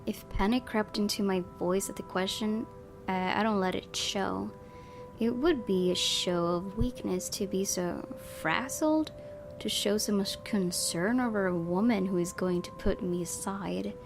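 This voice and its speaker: A woman hosts a gaming video, reading a visual novel's narration aloud and tossing in casual asides over game music. Her voice is medium in pitch and her pace is measured.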